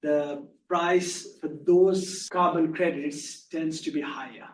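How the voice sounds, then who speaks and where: Soft-spoken man presenting in echoey room. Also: steady tone, slow pace. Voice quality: soft-spoken, low volume. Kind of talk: slide presentation. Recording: echoey room, far from mic, faint hum.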